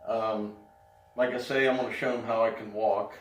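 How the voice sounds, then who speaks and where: A middle-aged man giving a casual spoken update, talking haltingly with pauses in mid-sentence. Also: fairly low pitch, fairly even intonation. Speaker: vlogger giving a health update. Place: indoors in an echoey room. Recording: echoey room, distant mic.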